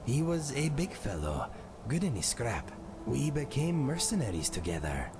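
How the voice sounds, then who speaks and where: An actor playing a wry, melancholy former addict turned mercenary in a fantasy game, confessing in measured, formal speech. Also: male voice, medium pitch, sing-song, background noise. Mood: sombre. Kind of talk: scripted fantasy game dialogue.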